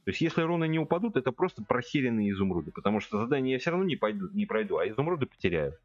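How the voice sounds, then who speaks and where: A man's voice: mid-range voice, big pitch swings, racing, dry recording, muffled recording. A man in his forties chatting casually with viewers as he plays, thinking aloud and speaking to his chat directly. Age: 40s. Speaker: game streamer. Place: home room at a computer.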